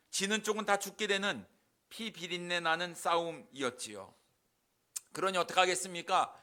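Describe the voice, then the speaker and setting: A man's voice: high-pitched, bright, forceful tone. A male pastor preaching a sermon in a conversational way, with many rhetorical questions.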